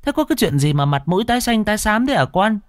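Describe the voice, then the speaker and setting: A man voicing a nagging middle-aged village mother in a shrill, raised voice. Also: sing-song, fast talker, dry recording, clean studio sound. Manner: shrill, nagging, high-pitched.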